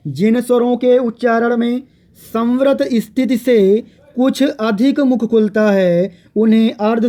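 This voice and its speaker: Slow, patient man teaching a lesson. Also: sits high, mellow. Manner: slow and patient, repeating definitions for note-taking. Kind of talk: classroom lecture on grammar.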